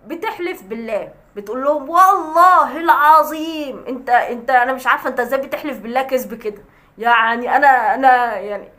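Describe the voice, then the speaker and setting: A woman's voice: on the high side, quick pace, a bit bright. A woman with an Egyptian accent, a vlogger ranting at a critic in a sarcastic, scolding way with scornful laughs. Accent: Egyptian Arabic. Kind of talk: mocking rant to camera.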